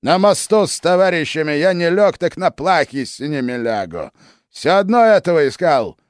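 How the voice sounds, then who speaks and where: A hoarse young nobleman, bitter and mocking, as a narrator acts him out, who yells his defiance at a high, strained pitch. The delivery swings wildly. The sound is close and dry. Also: sing-song, normal speed, no echo. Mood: defiant shouting. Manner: mocking, shouting.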